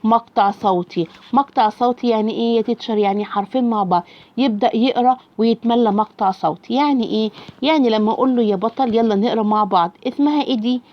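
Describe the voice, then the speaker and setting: A young woman with an Egyptian accent teaching Arabic reading, drawing out letter sounds slowly and praising the child. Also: a little high, highs cut off. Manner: slow, drawn-out letter sounds when modeling.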